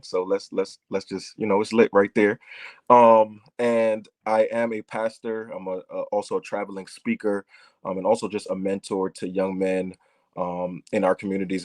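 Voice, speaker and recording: A man's voice: lowish voice, no room sound. A man who is a pastor and traveling speaker, introducing himself on a panel with energy and enthusiasm.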